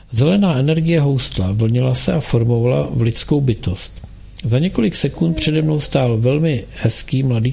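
A man reading a first-person audiobook narration in a slow, somber, measured way. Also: mid-range voice, gravelly, a little mellow, slightly rough. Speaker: audiobook reader.

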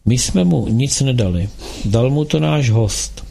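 A man voicing a calm, kind and mysterious young man in an audiobook, speaking earnestly and persuasively. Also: medium pitch, gravelly, slight background noise. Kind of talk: audiobook dialogue.

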